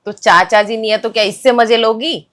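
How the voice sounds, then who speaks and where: A woman playing a young wife who confronts her cheating husband with sharp, sarcastic accusations in a comic family skit. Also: on the high side, steady tone, normal speed, lightly acted. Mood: accusing.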